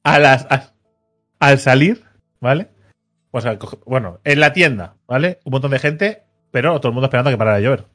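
Animated storyteller, mid-pitched man. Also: a little fast, soft background music. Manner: animated, acts out quoted people, teasing. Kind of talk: casual storytelling chat.

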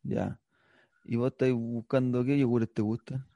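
A man's voice: mid-range voice, fairly even intonation, moderate pace, warm tone, dry recording. A Chilean man firing off profane, mocking comebacks in crude comic banter with a co-host.

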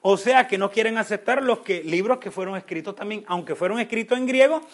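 High-voiced man teaching a Bible class. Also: a little fast. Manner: asks questions then answers them; restarts words often, animated.

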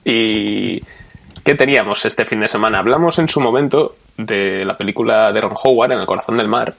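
A man with a Spain Spanish accent hosting a film podcast, relaxed and putting questions to the others. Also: fairly low pitch, moderate pace, gravelly, husky. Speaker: podcast host.

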